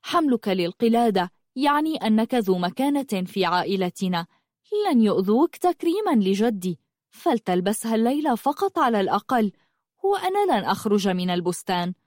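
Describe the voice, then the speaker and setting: A woman's voice: medium pitch, big pitch swings, a little fast, no room sound, clean studio sound, lightly acted. Caring insistent young woman, read by a woman. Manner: gently insistent.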